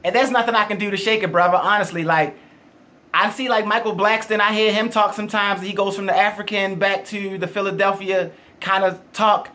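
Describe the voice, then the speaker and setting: Speaking fairly fast in a high, sharp voice with a steady tone, this game show hopeful has a thick Baltimore accent from his Maryland hometown. In a Las Vegas casting room, he keeps the interview casual, bragging and joking between frequent laughs.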